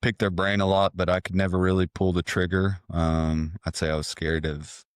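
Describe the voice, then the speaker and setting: Thirties agent guest, very low smooth voice, dry close mic, candid and halting. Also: male voice, flat delivery, dry recording. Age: 30s. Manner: candid, hesitant with many ums. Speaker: real estate agent, guest. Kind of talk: casual interview.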